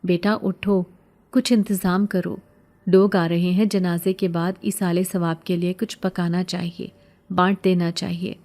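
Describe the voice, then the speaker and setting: A woman voicing a worried, soft-spoken mother in a horror storybook. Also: fairly low pitch, little pitch movement, close to an everyday voice. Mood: gentle. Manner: soft, coaxing. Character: worried middle-aged mother, gentle and pleading.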